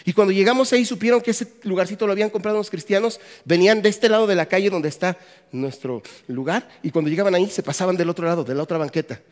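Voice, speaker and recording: Mexican pastor guy, high voice, jokey, keeps quizzing the crowd, big echoey hall. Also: fast. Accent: Mexican Spanish. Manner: jokey, asks the audience questions. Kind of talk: conference sermon. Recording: long hall reverb.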